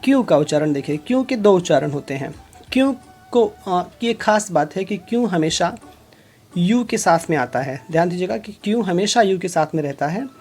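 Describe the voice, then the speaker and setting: A woman teaching English letter sounds in Hindi, reading out example words one at a time in a deliberate way. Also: fairly low pitch, animated, darkish tone, slightly rough, soft background music. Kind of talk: phonics lesson explained in Hindi.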